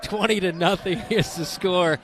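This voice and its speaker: A man doing play-by-play commentary on a high school basketball game, brisk and excitable, with joking banter. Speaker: play-by-play announcer. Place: high school gym broadcast. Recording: broadcast with loud gym noise behind.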